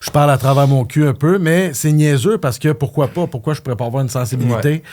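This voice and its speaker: Man, Québécois accent, podcast host, fast and casual, lots of euh fillers. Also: medium pitch, a little mellow. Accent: Québécois French. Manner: friendly, colloquial, hesitant fillers. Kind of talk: casual interview chat.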